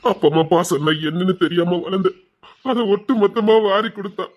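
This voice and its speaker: An actor playing a tearful devoted younger brother. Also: male voice, high voice, brisk, close to an everyday voice. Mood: grieving. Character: devoted young man grieving for his brother. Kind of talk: emotional TV serial acting.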